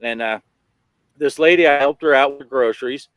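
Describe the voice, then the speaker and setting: An American man with a mid-pitched voice chats casually with friends, telling anecdotes. His manner is joking and self-deprecating, and the sound is dry. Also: moderate pace, fairly bright tone, no room sound. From Arizona, US. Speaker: host of a hobby gaming show. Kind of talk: casual anecdotal group chat.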